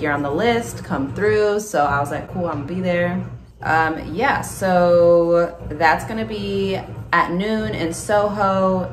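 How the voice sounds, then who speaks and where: A woman's voice: on the low side, background noise. A young woman in her twenties talking casually to a phone camera, full of "like" and "um". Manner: chatty and casual, lots of "like" and "um". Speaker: vlogger. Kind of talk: casual vlog chat to camera. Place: apartment indoors and city streets outdoors. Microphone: phone camera at arm's length.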